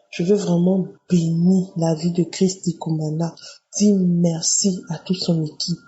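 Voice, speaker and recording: A woman giving an earnest spoken testimony of faith, halting and restarting as she speaks, on a muffled lo-fi recording. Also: on the low side, dark tone. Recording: muffled lo-fi recording, faint noise.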